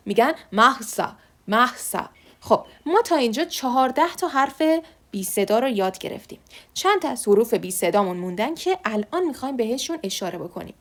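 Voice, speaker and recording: Lively-voiced woman teaching sounds. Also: a little high. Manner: patient, repeats each sound slowly. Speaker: Korean language teacher. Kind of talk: online alphabet lesson.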